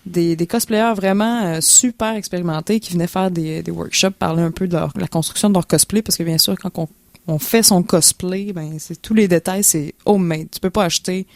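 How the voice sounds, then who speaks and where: A woman's voice: fairly low pitch, steady tone, brisk, no room sound. A young woman with a Quebec French accent, chatting as a guest on a radio show, full of fillers and restarts. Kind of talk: casual radio chat.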